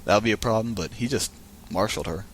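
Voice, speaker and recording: A man's voice: fairly low pitch, fast talker, a bit bright, slight background noise. A man giving casual, chatty commentary on a card game match, thinking aloud as he goes.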